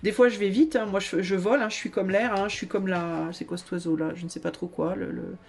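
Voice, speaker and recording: A woman voicing a restless male tarot card who rambles about always rushing and crashing into things, full of hesitant restarts. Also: medium pitch, steady tone, gravelly, a little mellow, lightly acted. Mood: flustered.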